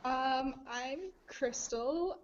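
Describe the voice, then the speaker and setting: A woman on a video call speaking quietly and hesitantly, her voice echoing around a big, cavernous room. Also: sits high, drawn-out words. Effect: echoey voice from a big, cavernous room. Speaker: book club member on a video call. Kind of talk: casual self-introduction. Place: large echoey room. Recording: dull, noisy video-call audio, distant from the mic.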